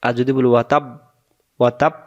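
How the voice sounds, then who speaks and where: A man's voice: mid-range voice, flat delivery, a little mellow, dull audio. A man with a Bangladeshi accent teaching Quran recitation step by step, stretching out syllables and repeating each word to show how it is said. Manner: slow, drawn-out syllables when demonstrating, repeats each word.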